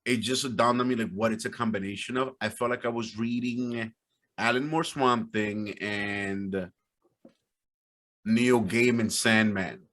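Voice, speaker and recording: A man co-hosting a casual podcast over a video call, talking in animated slang with sudden exclamations. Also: lowish voice, a little slow. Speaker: podcast co-host.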